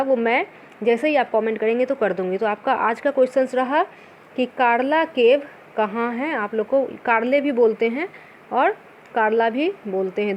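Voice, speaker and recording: A woman's voice: on the high side, lo-fi sound, slight background noise. A woman teaching an exam-prep lesson. She poses her own questions and answers them, mixing English words into her talk.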